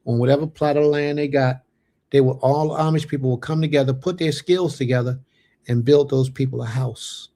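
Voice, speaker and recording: A man in his late thirties speaks at normal speed in a steady, dark, mid-range voice while hosting a religious fellowship livestream. He reads viewers' comments out loud and answers them casually, adding Hebrew blessings here and there.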